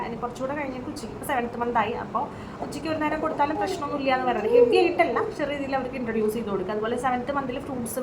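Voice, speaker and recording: Fast-talking young mother vlogging at home. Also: fairly high pitch. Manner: chatty, often adds "you know" tags. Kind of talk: casual daily-life vlog. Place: bedroom at home, indoors. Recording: clear room ambience noise behind.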